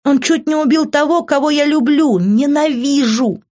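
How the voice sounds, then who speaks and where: Fiery young woman, read by a woman: shrill, yelling, audiobook. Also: moderate pace, lo-fi sound, close to an everyday voice. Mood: furious. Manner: shouting, voice breaking.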